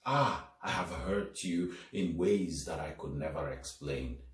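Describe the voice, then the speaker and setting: Man playing old grieving king, deep voice, roomy echo, slow. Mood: pleading.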